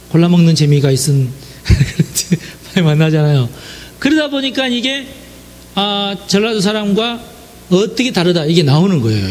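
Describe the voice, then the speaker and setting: A preacher from South Korea's Jeolla region delivers a conversational sermon, chatting straight to his listeners with frequent affirming asides. His voice sits high and is a little mellow, with a little hiss or hum.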